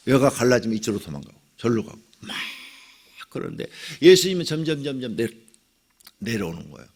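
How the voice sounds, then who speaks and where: A middle-aged male pastor telling a personal testimony in a dawn prayer sermon, dramatic, with sudden swings between loud cries and near whispers. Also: mid-range voice, creaky, husky.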